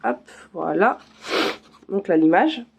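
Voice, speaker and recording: A woman's voice: mid-range voice, expressive, takes it slowly, creaky, husky, phone-quality sound. A woman vlogger chatting casually through a craft unboxing, full of fillers and restarts.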